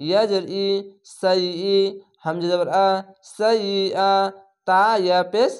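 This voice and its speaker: Slow, high-voiced man spelling out Quran letters. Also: fairly even intonation, darkish tone, clean tone. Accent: Bangladeshi Bengali. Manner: spells each letter and vowel mark, then blends the syllables in a drawn-out chant. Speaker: Quran reading teacher. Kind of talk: spelling-out Quran recitation lesson.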